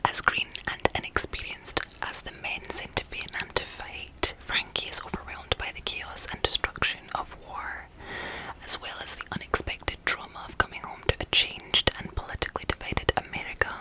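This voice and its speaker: In this clip, an ASMR host chats about and reads from books in a hushed, breathy whisper, taking her time and keeping it informal. The sound quality is bad.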